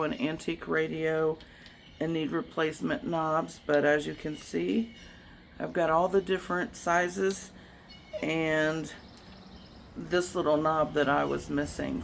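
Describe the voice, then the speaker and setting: Hoarse from being sick, a vlogger stands outside by a house for an easygoing show-and-tell about an old find, musing aloud as they talk. Their medium-pitched voice has vocal fry, and a faint hiss or hum runs under the audio.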